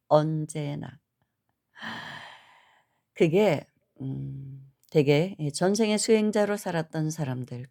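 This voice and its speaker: A middle-aged woman earnestly recounting a personal spiritual dream, often pausing with an affirming "yes". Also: fairly low pitch, warm tone. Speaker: spiritual storyteller. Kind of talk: personal storytelling.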